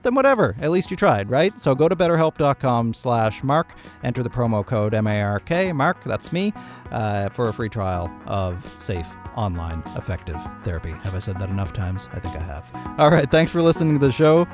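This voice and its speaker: A man's voice: medium pitch, expressive, a little fast, soft background music. A man with a Maritime Canadian accent hosting a podcast in a casual, chatty, self-deprecating way. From Cape Breton, Canada. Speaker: podcast host.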